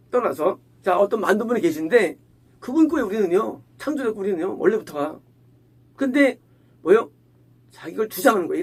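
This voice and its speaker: A man's voice: sits high, slightly rough. A male pastor preaching a sermon in a conversational way, asking the congregation questions and acting out quoted lines. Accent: Korean. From Korea.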